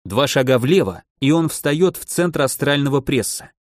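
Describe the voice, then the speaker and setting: A man narrating a fantasy audiobook in an even, steady reading voice. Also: mid-range voice, normal speed, no room sound, studio quality.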